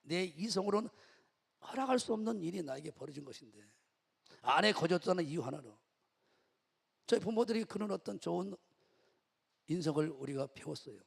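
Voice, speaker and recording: Male pastor, middle-aged, sermon, high lively voice, gravelly husky tone, long church reverb. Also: brisk, long pauses. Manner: animated storytelling with rhetorical questions to the congregation. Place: church sanctuary.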